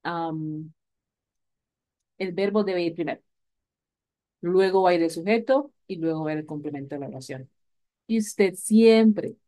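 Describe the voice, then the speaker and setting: A woman's voice: lowish voice, warm tone. Patient woman teaching English grammar. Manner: patient, repeats key points, asks "¿vale?" often. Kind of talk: recorded class lecture.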